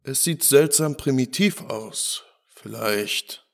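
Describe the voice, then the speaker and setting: A man's voice: medium pitch, lively intonation, slow, gravelly, pitched above the performer's own voice. A man voicing a brilliant, irritable male doctor who explains things precisely in a lecturing way, in a spoken horror story.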